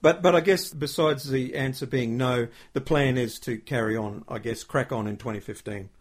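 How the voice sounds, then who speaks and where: A man's voice: medium pitch, normal speed. Chatty male podcast host. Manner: chatty and complimentary, with many fillers. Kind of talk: casual interview chat.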